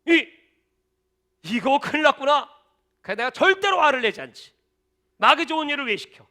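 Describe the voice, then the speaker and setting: A man preaching a sermon with a high voice. He sounds bright and forceful. His delivery is emphatic and casual, and he mixes anecdotes into the preaching. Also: sing-song, a little fast. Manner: emphatic, colloquial, storytelling. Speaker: pastor.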